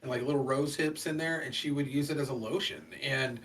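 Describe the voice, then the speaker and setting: A man's voice: medium pitch, steady tone, fairly quick, fairly bright tone, husky, recorded from a distance, poor audio. A middle-aged man co-hosting a podcast in casual chat, rambling with lots of fillers. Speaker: podcast co-host.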